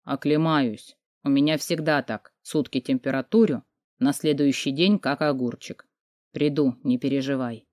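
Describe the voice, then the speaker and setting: A woman reading an audiobook voices an ill young man who speaks quietly and wearily. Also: very deep voice, fairly even intonation, moderate pace, no echo, clean studio sound, pitched below the performer's own voice. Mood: weary, soft. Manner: quiet, weary, soft-spoken.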